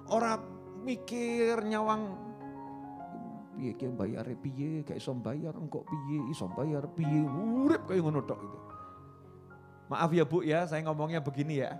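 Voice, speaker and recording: High-voiced Javanese preacher, folksy and animated. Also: male voice. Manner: folksy, animated, mixing in Javanese phrases, acts out quoted people. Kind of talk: Islamic sermon.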